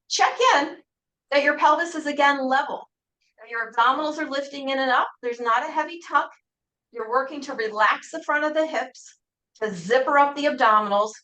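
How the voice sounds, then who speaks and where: Bright calm woman Pilates instructor. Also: high-pitched, low-quality recording. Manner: calm, encouraging, asks reflective questions. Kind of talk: guided exercise class cueing.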